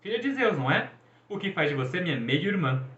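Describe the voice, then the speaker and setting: A man's voice: big pitch swings, a little fast, fairly bright tone. A man voicing a cocky, boastful young male sun god in a showy, teasing manner. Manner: showy, teasing, high-spirited. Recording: echoey, dull room recording.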